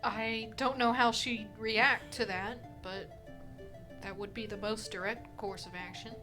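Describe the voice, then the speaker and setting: A woman plays a tabletop role-playing game, speaking slowly and deliberately. Her voice is fairly high, and music plays clearly behind her. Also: fairly even intonation, pushed and bright. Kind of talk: in-character tabletop role-play.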